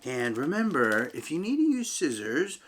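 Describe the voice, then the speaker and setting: A man's voice: a little high, sing-song, moderate pace, fairly bright tone, a little hiss or hum. A man hosting a casual family unboxing video, patiently explaining each step and talking straight to the viewers. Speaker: channel host and parent.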